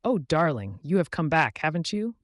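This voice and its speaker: A man voicing a tender and fragile young woman in love, speaking softly and pleadingly in an audiobook reading. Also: on the high side, very animated, moderate pace, dry recording, studio quality, pitched above the performer's own voice.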